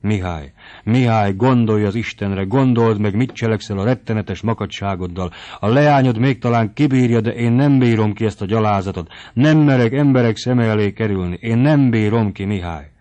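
Fussy, talkative middle-aged wife, put on by a male reader, pitched high and excitable. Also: no echo, close to an everyday voice. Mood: pleading.

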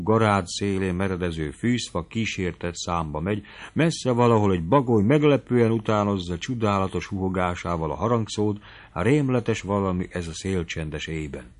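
A man with a low voice narrates a classic novel. His reading is measured and expressive. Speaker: audiobook narrator. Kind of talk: literary narration.

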